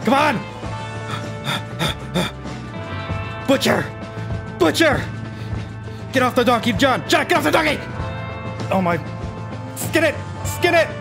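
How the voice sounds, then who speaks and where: A man's voice: very high voice, big pitch swings, unhurried, creaky, long pauses, over music. A man reacting live to a video game, frantic and disbelieving, blurting and repeating himself in a panic. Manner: frantic, disbelieving shouting and repetition. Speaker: gaming YouTuber.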